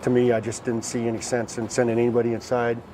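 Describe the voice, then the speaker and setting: A man's voice: medium pitch, monotone, quick pace, mellow, slight background noise, poor audio. A man, a fire officer, giving a matter-of-fact explanation in an after-action debrief. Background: faint music.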